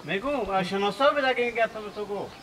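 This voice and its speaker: A man's voice: high voice, noisy background, lightly acted. A man with a Gilaki accent playing an impatient village father who questions and orders around his son in a comedy sketch.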